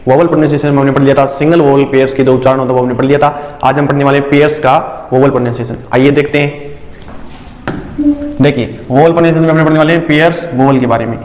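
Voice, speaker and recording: A man teaching English vowel sounds in a phonics lesson, asking questions and answering them himself, spelling words out slowly letter by letter. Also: medium pitch, steady tone, darkish tone. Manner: asks and answers his own questions. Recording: echoey room with long reverb.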